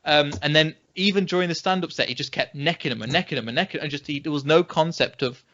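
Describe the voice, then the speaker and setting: A young man from England with a British accent, telling lively anecdotes as a podcast co-host in casual chat. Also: fairly high pitch, quick pace. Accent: British English. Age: young adult. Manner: animated anecdote-telling, acts out quoted reactions. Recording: dull lo-fi podcast audio.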